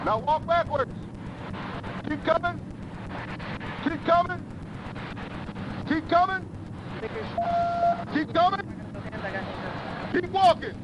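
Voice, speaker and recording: A police officer calling out slow, firm commands through a patrol car loudspeaker outdoors. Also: male voice, extremely high pitch. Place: outdoors at a traffic stop. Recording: muffled loudspeaker, loud vehicle noise.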